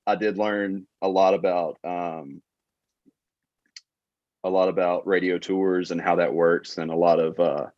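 A low-voiced man in his late twenties with a Southern Alabama accent, telling stories at an easy pace with plenty of ums and uhs. The sound is dry and a little dull, like a dead podcast room. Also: measured pace, pauses often, no echo. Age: late 20s. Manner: relaxed storytelling with filler words and laughs. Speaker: guest, tour manager. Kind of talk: casual interview chat.

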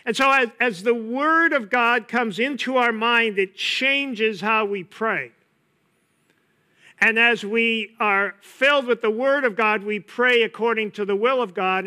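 Man, pastor, sermon, high-pitched, very bright tone, earnest, rhetorical questions.

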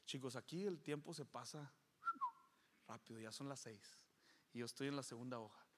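A man in his thirties preaching a bilingual sermon as a pastor, switching between Spanish and English and building to forceful exhortation. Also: mid-range voice, moderate pace. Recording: echoey hall with long reverb.

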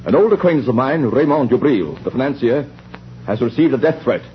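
An actor playing an earnest, anxious surgeon in a 1930s radio drama, urgent and formal, on an old recording. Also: male voice, mid-range voice, animated, a little fast, lightly acted. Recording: muffled old radio recording, faint noise.

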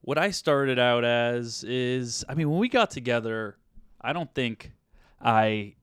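A man's voice: medium pitch, slow, fairly bright tone, clear, resonant tone, no room sound, studio quality. A man co-hosting a casual podcast, rambling and often restarting his sentences. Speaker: podcast co-host. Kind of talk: casual chat.

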